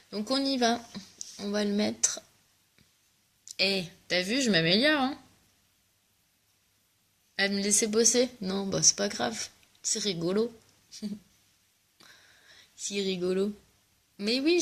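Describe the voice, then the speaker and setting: A woman's voice: medium pitch, vocal fry, fairly bright tone. A young woman with a cough, chatting casually and joking at her own expense while doing a makeup tutorial. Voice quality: joking, self-mocking, chatty. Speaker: makeup vlogger selling cosmetics.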